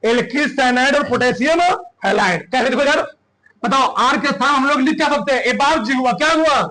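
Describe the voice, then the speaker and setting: A man teaching a class, firing short questions at his students one after another. His voice sits very high and rings bright and forceful. He drills the class in a lively, commanding way. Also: low-quality recording. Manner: quizzing students with rapid questions. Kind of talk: classroom chemistry lesson.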